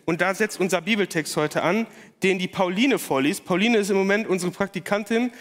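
High-voiced man preaching in a hall. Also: a little fast. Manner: casual and lively, with slang. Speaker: youth pastor. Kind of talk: casual youth sermon. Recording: long hall reverb.

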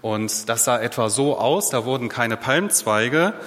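A man preaching a sermon in a relaxed, conversational way, putting rhetorical questions to his listeners. His mid-pitched voice carries a long reverb, as if he is speaking in a large church hall. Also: a little slow.

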